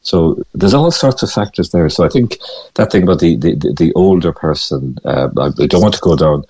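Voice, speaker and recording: A man's voice: sits low, lively intonation, fairly quick, a little mellow, slightly rough, dull audio. A man over sixty-five with a west of Ireland accent, talking conversationally as an interview guest, often hesitating and repeating words as he explains. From Galway, west of Ireland. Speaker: radio interview guest, mindfulness teacher.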